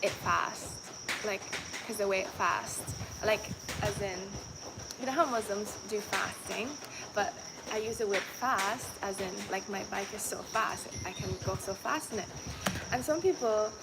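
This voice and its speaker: With a mid-range voice and a measured pace, a young Trinidadian-accented vlogger chats casually to her live viewers. She uses lots of fillers and restarts, and the recording carries loud background noise.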